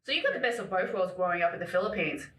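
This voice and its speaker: A woman hosts a podcast in a teasing, playful way and laughs often. Her pitch moves around a lot, and her tone is bright. She sounds distant from the mic in an echoey room. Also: animated, racing, a little hiss or hum. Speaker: podcast host. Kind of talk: casual podcast chat.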